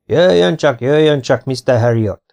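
A man's voice: medium pitch, darkish tone, voice pushed up, close to an everyday voice. A man voicing a cordial, unshaven man in his sixties who speaks in a hearty, raised voice. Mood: welcoming.

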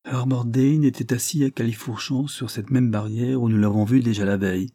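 A man narrating an audiobook of a Victorian novel in a measured, steady way. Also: medium pitch, no echo.

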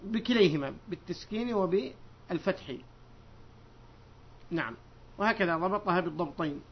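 Speaking at a moderate pace, a man teaching as a sheikh works through a hadith book in a classroom lesson, raising his voice to read the narrations and then explaining them conversationally in a lower register. He digresses and asks his students questions, captured on a dull lo-fi lecture recording with slight background noise.

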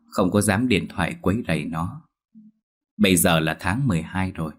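A man narrating a ghost story in a slow, somber storytelling manner. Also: low voice, breathy edge.

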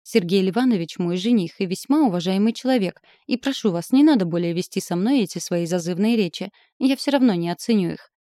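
Young noblewoman, proud and indignant, read by a woman; mellow, dry close sound. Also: mid-range voice, lively intonation, a little fast, few pauses, no echo, natural voice. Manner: pleading, then sharply indignant. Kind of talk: audiobook character reading.

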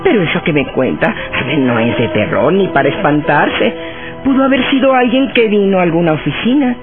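An actress playing a curious, skeptical young woman in a radio horror drama, expressive and theatrical. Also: fairly low pitch, fairly quick, close to an everyday voice. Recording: tinny narrowband radio drama with music.

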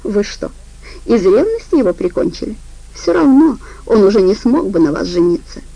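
A woman voicing a sardonic male henchman who speaks dryly and quietly, in an audiobook. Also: mid-range voice, sing-song, normal speed, vocal fry, no room sound, low-quality recording.

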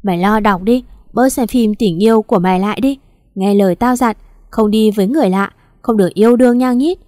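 A woman voicing a bossy, gruff young rich master who gives curt, scolding orders. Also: mid-range voice, fairly quick, a little mellow, no room sound, studio quality, close to an everyday voice.

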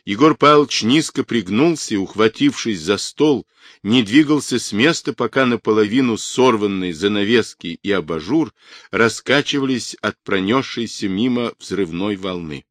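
A man narrating a literary novel in a measured, dramatic reading voice. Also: fairly low pitch, lively intonation, dry recording, clean studio sound. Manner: measured, dramatic reading that rises for quoted shouts. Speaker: audiobook narrator.

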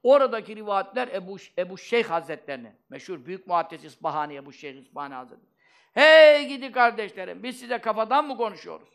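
A middle-aged man preaching a sermon in an emphatic, animated manner, with Arabic recitations. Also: sits high, racing, gravelly.

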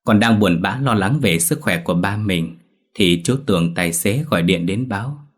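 A man narrating a scripted horror story in a steady, dramatic way. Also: low voice, moderate pace, husky.

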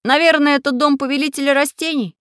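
A woman voicing a brave little iron craftsman who talks loudly and eagerly. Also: mid-range voice, moderate pace, no room sound, clean studio sound, lightly acted. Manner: loud and eager.

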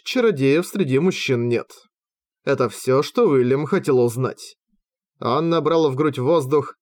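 Male audiobook narrator, mid-pitched, steady and measured, dry close home recording. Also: no room sound. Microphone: close microphone, home recording.

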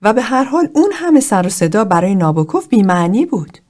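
A woman's voice: mid-range voice, sing-song, a little mellow, voice pushed up. A woman plays a blunt, irritated man in a group session from a read-aloud novel. He argues pushily and talks over objections. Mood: exasperated. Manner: pushy, argumentative.

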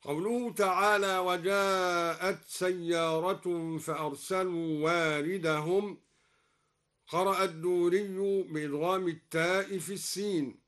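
Male Quran teacher, higher voice, unhurried, formal explanation alternating with chanted verses. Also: steady tone, a bit bright. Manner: measured, formal classical delivery, slows into melodic chanting for verses. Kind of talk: explaining Quranic reading variants, with chanted recitation. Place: radio studio.

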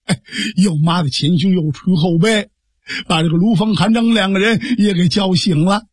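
A male storyteller, telling a tale in lively, dramatic style. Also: high-pitched, moderate pace, slightly rough, no echo. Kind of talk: Chinese storytelling performance. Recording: dry studio broadcast.

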